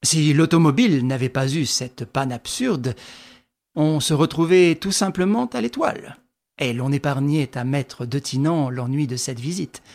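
A man reading the part of a suave, ironic young gentleman thief in an audiobook, with a lively, slow delivery. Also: a little high. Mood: ironic, assured. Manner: smooth, ironic, lordly.

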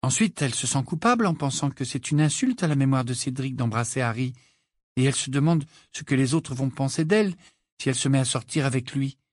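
A man voicing Hermione, a bossy, clever teenage girl who talks in a brisk, prim, lecturing way. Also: mid-range voice, expressive, no room sound, studio quality, pitched above the performer's own voice, natural voice.

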